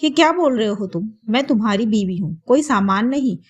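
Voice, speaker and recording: Lady doing a young wife who won't back down, firm, kinda high voice. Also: expressive, fairly quick, husky, lo-fi sound. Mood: indignant. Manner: firm, indignant. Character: young wife, outspoken and defiant.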